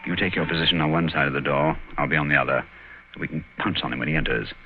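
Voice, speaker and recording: An actor playing Sherlock Holmes as a brisk, confident English detective, giving authoritative instructions in a vintage radio drama. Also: male voice, rumbling low, fairly even intonation, soft background music. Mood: urgent, hushed. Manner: authoritative, urging, clipped instructions. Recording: muffled, noisy vintage radio recording.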